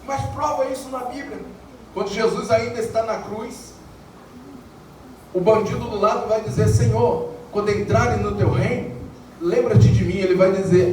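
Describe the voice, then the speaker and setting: A Brazilian man preaching an evangelical sermon, building to shouted, sung climaxes. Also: sits high, measured pace, distant mic, slight background noise. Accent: Brazilian Portuguese. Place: church. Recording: echoey church hall heard from afar, music behind.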